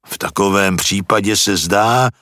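A man voicing a calm, patient old philosopher who reasons through questions, in a storybook reading. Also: on the low side, no room sound, studio quality. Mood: probing.

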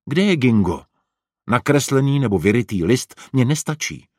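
A man's voice: medium pitch, very animated, darkish tone, dry recording, clean studio sound, voice pushed up. A man voicing a wistful, worried boy. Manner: sighing, dismayed.

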